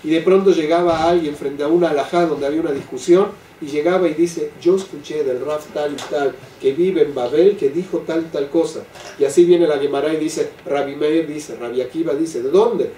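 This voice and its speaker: An older man teaches a Torah class to a live group, his voice sitting on the high side with a dark tone. He keeps checking in with "¿sí?" and slows down to stress key phrases. The room is echoey, the mic is distant, and there's faint background noise.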